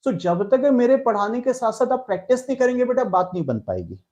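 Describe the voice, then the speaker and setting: Fatherly Indian chemistry teacher, mellow tone. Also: very high-pitched, big pitch swings, a little fast, dull audio. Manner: fatherly, calls students "beta", answers chat messages. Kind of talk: live online class lecture.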